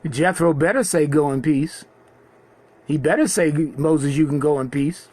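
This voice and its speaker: A man reading scripture slowly and haltingly, then retelling it in casual, conversational preaching. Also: on the high side, a little mellow, no room sound. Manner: reads slowly with halting repeats, then paraphrases God in casual speech. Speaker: Bible teacher. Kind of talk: scripture reading with sermon commentary.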